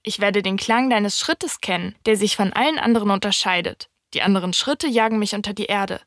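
A woman voicing a wise, wistful fox in an audiobook reading, speaking in a calm, thoughtful, explaining way. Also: mid-range voice, a little fast, dry recording, studio quality, lightly acted.

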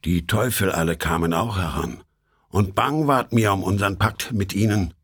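A man reading an epic poem aloud in measured, solemn audiobook narration. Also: lowish voice, fairly bright tone, husky. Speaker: audiobook reader.

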